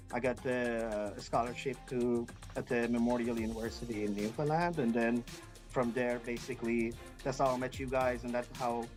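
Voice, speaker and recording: A man from Iran, a guest talking earnestly and hesitantly in an interview. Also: mid-range voice. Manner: earnest, hesitant, many fillers and restarts. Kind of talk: interview conversation.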